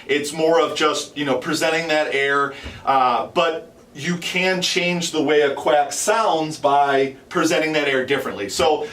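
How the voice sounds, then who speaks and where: Male instructor, thirties, slightly high voice, explanatory and repetitive; echoey indoor recording with background noise. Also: fairly even intonation, unhurried, a bit bright. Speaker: host and duck calling instructor. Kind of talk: unscripted instructional talk. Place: small wood-panelled shop room, indoors. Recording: roomy, distant, noisy pickup.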